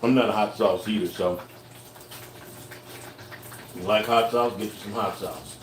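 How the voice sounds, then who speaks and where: A man's voice: on the low side, fairly even intonation, a little slow, reverberant, distant mic, slight background noise, low-quality recording. A man livestreaming himself cooking outdoors, talking in a folksy, casual way and tasting the food as he goes.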